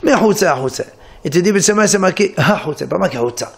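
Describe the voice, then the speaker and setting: A man giving a Talmud lesson, explaining the text with animated delivery and frequent restarts. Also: sits high, fast, creaky, husky. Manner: animated explanation, many restarts, Hebrew terms. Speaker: Talmud teacher. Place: Marseille study center.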